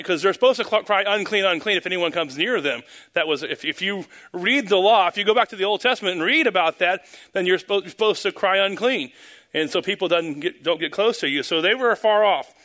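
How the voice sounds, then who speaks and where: At the pulpit mic, a pastor with a high, fairly bright voice leads the church service. His fervent prayer and sermon are marked by frequent repetition and ums.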